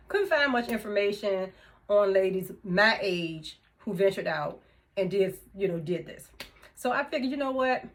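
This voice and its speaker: A woman in her fifties chatting casually to camera as a vlogger, laughing often between thoughts. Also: fairly high pitch. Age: 50s. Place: indoors, room with music she turned off.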